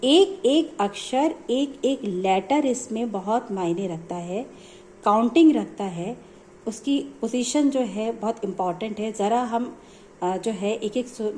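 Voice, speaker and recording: A woman's voice: fairly high pitch, warm tone, a little hiss or hum. A woman music teacher explaining notes step by step in a patient, repetitive way. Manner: patient, explanatory, repeats points.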